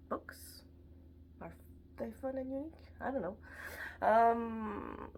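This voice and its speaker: A young BookTube vlogger from Montreal, Canada, with a Quebec French accent chats casually to camera about books at home, sounding nasal from a blocked nose. Her mid-range voice is creaky and a little mellow, and she's rambling and self-deprecating, with slight background noise.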